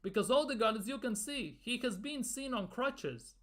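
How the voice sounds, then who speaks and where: A man's voice: very high-pitched, expressive, normal speed, fairly bright tone. A man ranting in a football fan commentary video, exasperated and sarcastic, with some swearing.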